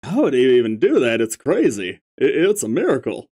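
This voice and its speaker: The voice is mid-range, dark and slightly rough, its pitch swooping wildly at a normal speed. It belongs to a reader performing a webcomic's young male stoner clown troll, a lazily swearing character with a slurred, clownish drawl who finds everything amazing.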